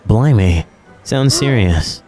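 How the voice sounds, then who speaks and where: A man's voice: lowish voice, animated, slow, a little mellow, soft background music. A man voicing a cheeky little male fairy companion in a game, talking in slangy, mocking asides.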